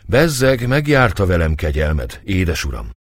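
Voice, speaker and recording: A man's voice: low voice, very animated, no echo, full character voice. Spirited young bride, eager and playful, read by a man, dry close sound.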